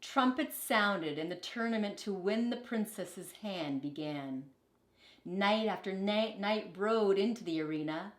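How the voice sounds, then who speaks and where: A woman with a medium-pitched voice reads a children's picture book aloud, telling the story expressively and deliberately. The recording sounds echoey and roomy.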